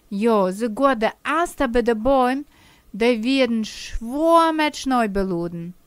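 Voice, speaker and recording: An older woman telling a children's story slowly and gently. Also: on the high side, clear, resonant tone, no room sound. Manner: slow, gentle storytelling with dialect words.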